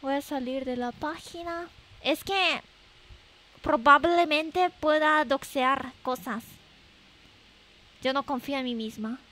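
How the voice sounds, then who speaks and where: A Japanese woman livestreamer with a very high, anime-like voice chats casually and playfully with her viewers, frequently exclaiming and repeating herself. She speaks slowly, with long pauses and a sharp tone.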